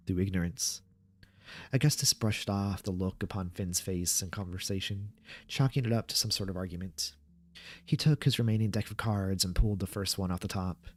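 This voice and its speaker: A man reading a scripted horror story aloud in a measured, subdued storytelling manner. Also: low voice, darkish tone.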